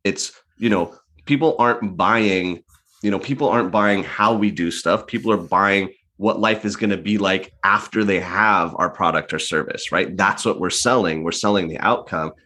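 Man, low voice, casual interview guest, chatty, checks in with listener. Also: moderate pace, bright, forceful tone. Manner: conversational, tags points with "right?".

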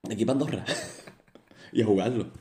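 A man's voice: on the low side, moderate pace, mellow. A young man with a Cádiz Andalusian accent, chatting casually as a podcast co-host, laughing often and swearing freely. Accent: Andalusian Spanish (Cádiz). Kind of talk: casual banter. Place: remote from home. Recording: roomy echo.

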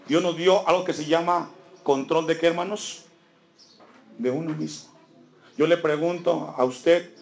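Preaching man, higher voice, rousing. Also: a little hiss or hum. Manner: rhetorical questions to the congregation, rising emphasis. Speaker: pastor. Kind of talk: sermon.

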